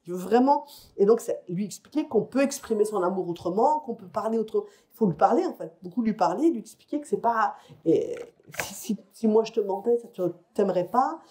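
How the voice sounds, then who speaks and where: Warm-voiced woman lecturing on child development. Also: medium pitch, lively intonation, fairly quick. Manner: explanatory, conversational, often checking in with the audience. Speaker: psychologist giving a lecture. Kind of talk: conference lecture to parents. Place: lecture hall or conference room.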